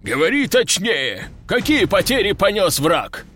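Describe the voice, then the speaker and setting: A man's voice: a little high, big pitch swings, takes it slowly, fairly bright tone, faint music behind, heavily acted. A man voicing a furious, sarcastic general in an audiobook, growling through his teeth.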